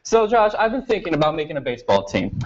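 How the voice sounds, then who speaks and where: Young man doing a deadpan baseball manager in a comedy skit, patient and matter-of-fact, fairly high voice, muffled lo-fi recording. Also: quick pace. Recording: dull lo-fi recording.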